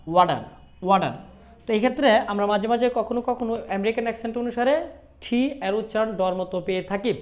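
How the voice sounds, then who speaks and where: A woman's voice: a little high, darkish tone. Woman teaching pronunciation, spelling words out. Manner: spells words letter by letter and repeats example words slowly. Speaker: English teacher. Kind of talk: pronunciation lesson.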